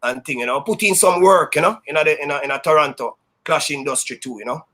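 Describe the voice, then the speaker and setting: A Jamaican sound system DJ appears as a guest in a casual storytelling interview. He's loud, bright-voiced, and fast-talking, telling boastful, high-energy stories laced with patois.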